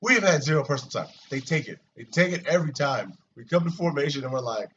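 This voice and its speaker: A man's voice: a little high, fast. A man chatting casually and at length about his army routine, swearing often and venting, recorded from a distance with muffled sound. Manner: rambling, profane and animated. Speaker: soldier vlogger. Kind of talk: casual chat. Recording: distant, muffled mic with light hiss.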